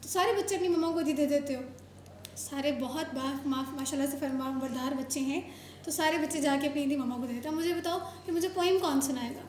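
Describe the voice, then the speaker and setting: A woman's voice: sits high, fairly quick, a little mellow, slight background noise. A woman from Pakistan hosting a show, chatting with children in a playful, coaxing way and teasing them with questions. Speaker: show host interviewing children. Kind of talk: casual chat with children. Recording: roomy echo.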